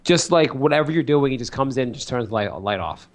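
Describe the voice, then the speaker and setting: A man's voice: mid-range voice, brisk. Male co-host, mid-range voice, rambling storyteller, loose and chatty. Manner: rambling, animated storytelling with lots of fillers. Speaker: podcast co-host; father of two small children. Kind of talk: casual chat.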